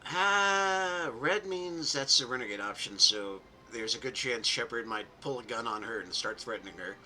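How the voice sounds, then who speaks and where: Bright, rambling male game streamer. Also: medium pitch, animated, normal speed, a little hiss or hum, low-quality recording. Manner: rambling, self-mocking, casual. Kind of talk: gameplay commentary.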